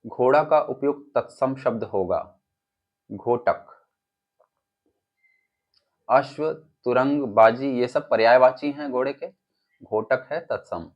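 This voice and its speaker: Reading out quiz questions with their answer choices, a man with an Uttar Pradesh Hindi accent then reveals each answer and explains it as part of an exam-prep lesson. He speaks slowly at a medium pitch, pausing often, in dull lo-fi sound.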